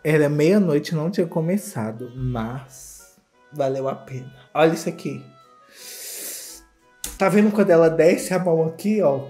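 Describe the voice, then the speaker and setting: A Brazilian man narrates a comedic reaction, his delivery campy, exclamatory and full of gossip. His voice is mellow and soft-edged. Faint music plays underneath. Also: fairly high pitch, animated, measured pace, long pauses. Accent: Brazilian Portuguese. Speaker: YouTuber host.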